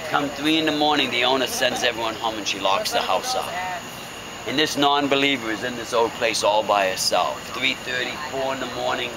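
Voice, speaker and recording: A man's voice: medium pitch, a little fast, crowd noise, poor audio. A man working as a ghost tour guide, telling a story casually and dramatically with wry, folksy humour and suspenseful phrasing. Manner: folksy, wry, joking delivery.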